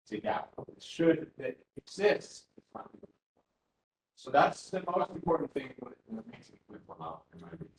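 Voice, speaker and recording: A man from Finland delivers an academic workshop talk at a conference, his slightly high voice very animated and brisk, yet hesitant with plenty of fillers and restarts. He's in a university seminar room, and the roomy hall gives a faint ambience.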